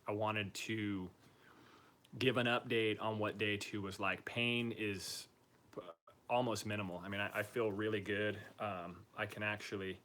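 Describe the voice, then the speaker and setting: A man talking informally and upbeat in a casual video diary, using relaxed slang as he gives a personal recovery update. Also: fairly low pitch, slight background noise. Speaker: patient giving a recovery update.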